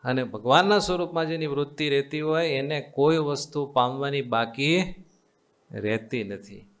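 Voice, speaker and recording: In a devotional sermon before a live assembly, a swami with a Gujarati accent teaches through coaxing repetition and quizzes the crowd in call-and-response fashion. He speaks at a medium pitch and an ordinary speed.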